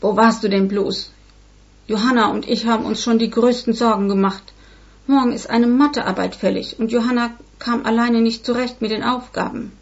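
A woman's voice: fairly high pitch, fairly even intonation, normal speed, lo-fi sound, close to an everyday voice. A woman voicing a worried, scheming mother who speaks anxiously and reproachfully, in a storybook reading.

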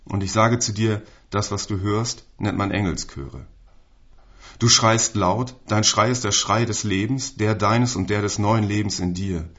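A man reading a literary text aloud in a measured, solemn way. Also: on the low side, fairly even intonation, a bit bright. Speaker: reader. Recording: dull lo-fi recording.

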